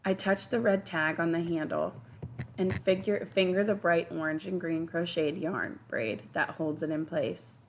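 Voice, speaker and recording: Low gravelly woman reading a storybook. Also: unhurried, a little hiss or hum. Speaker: teacher reading aloud. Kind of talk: children's audiobook narration.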